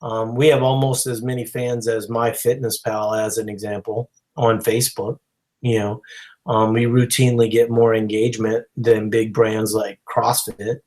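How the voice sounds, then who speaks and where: A man's voice: lowish voice, flat delivery, normal speed, a little mellow, low-quality recording. A man, a company founder, making a casual spoken announcement to his followers, rambling with many fillers and restarts. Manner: rambling, full of "you know" and restarts.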